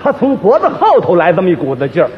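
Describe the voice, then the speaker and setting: A man performing a crosstalk comedy routine as the lead, talking in an animated way and mimicking opera speech and crying. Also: high voice, fast talker. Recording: dull old recording with reverb and faint hiss.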